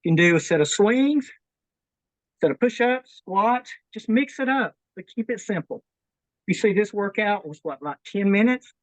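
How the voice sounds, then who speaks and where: On a video call, a fitness instructor leads a workout, slightly out of breath, offering encouragement and repeating that people should keep it simple. Her voice is on the low side, and the audio is dull with no room sound.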